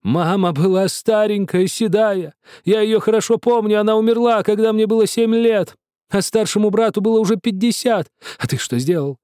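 Guy putting on a shrill old cobbler, high squeaky whiny angry yelling. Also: normal speed, clear, resonant tone, no room sound, clean studio sound, lightly acted. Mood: indignant. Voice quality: shrill, piercing. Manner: wailing, spiteful complaints.

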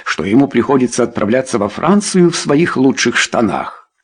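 Audiobook role: man doing a bantering young aristocrat, lively pitch. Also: moderate pace, breathy edge. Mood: teasing. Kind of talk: audiobook character voice.

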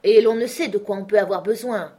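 A woman reading the part of a wealthy, blunt old gentleman who speaks in an insistent, commanding way, in a slightly husky voice. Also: medium pitch, fairly quick, voice pushed up, lightly acted. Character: wealthy old man, blunt and generous host.

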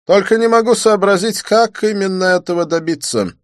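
A man voicing a flamboyant, world-weary Frenchman who talks in exclamations and drawn-out phrases. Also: high voice, dry recording, clean studio sound, voice pushed up, close to an everyday voice. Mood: theatrical, languid.

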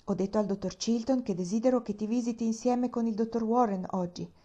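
A woman's voice: fairly high pitch, brisk, dark tone, close to an everyday voice. A woman voicing a proud older aunt who speaks anxiously and then tenderly. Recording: dull lo-fi recording.

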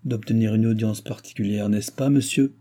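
A man's voice: fairly low pitch, steady tone, moderate pace, mellow, lightly acted. A man reading aloud, voicing a proud, imperious young princess in a raised voice. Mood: questioning. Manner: haughty, commanding.

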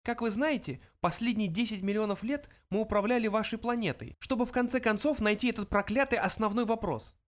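A man's voice: high voice, brisk, hardly any pauses, pitched above the performer's own voice, natural voice. Benjy, a cold haughty mouse voiced by a man. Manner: cold, dismissive, curt.

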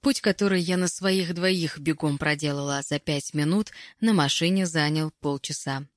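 A woman narrating an audiobook in a measured, wry storytelling manner, recorded close on the mic. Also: deep voice, dry recording.

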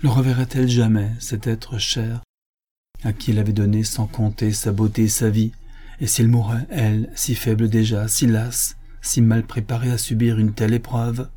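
Husky, low-voiced male audiobook narrator. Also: little pitch movement, normal speed, mellow.

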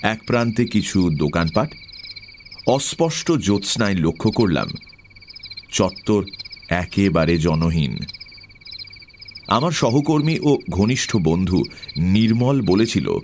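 A man narrating an audiobook story in an expressive storytelling manner. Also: lowish voice, a little slow, long pauses, slight background noise. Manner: expressive storytelling, tense at times.

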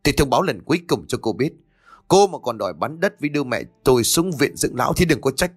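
A man's voice: mid-range voice, expressive, moderate pace, dry recording, soft background music. A man voicing a young husband devoted to his mother, at times meek, at times defiant. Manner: pleading, then loud and firm.

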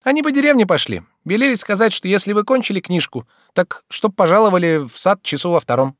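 An eager, chirpy young maid speaks in a high, bouncing voice, as a male narrator puts her on. Her tone leaps lively up and down. The reading sounds dry and close. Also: fast, no room sound.

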